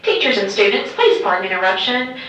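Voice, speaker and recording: Flat echoey woman on a PA. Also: mid-range voice, a little fast. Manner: flat, formal paging delivery. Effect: school PA speaker. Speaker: school front office announcer. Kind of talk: public address announcement. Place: heard over a speaker in a classroom. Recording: echoey, dull PA, distant, faint noise.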